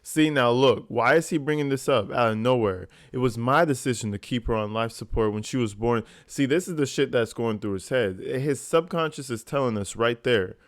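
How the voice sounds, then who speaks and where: A man's voice: mid-range voice, normal speed, hardly any pauses, no room sound, clean studio sound. A man giving informal, incredulous commentary as a video host, swearing casually.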